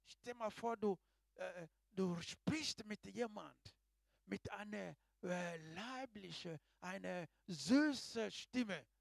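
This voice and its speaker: Man, preacher, sermon, slow unhurried delivery, dry close sound, hushed-to-loud swings. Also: sits high, vocal fry, no room sound. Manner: halting, swinging between hushed and loud exclaims.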